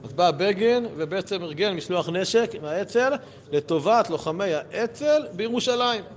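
A man's voice: high voice, lively intonation. Man teaching a Torah lesson. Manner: conversational, with rhetorical questions and sudden emphatic rises. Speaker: religious teacher.

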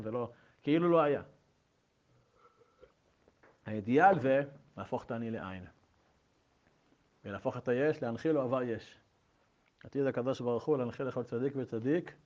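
Animated rabbi teaching a class. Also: male voice, mid-range voice. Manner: animated, restarts often, swings between loud and soft. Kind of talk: Torah lesson with storytelling. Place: room with listeners. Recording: dull lo-fi recording.

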